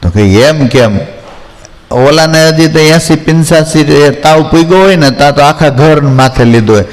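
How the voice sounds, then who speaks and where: A man's voice: on the high side, normal speed, in a large hall, poor audio. A man giving a folksy devotional discourse, telling anecdotes and acting out villagers in quoted voices. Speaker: spiritual storyteller.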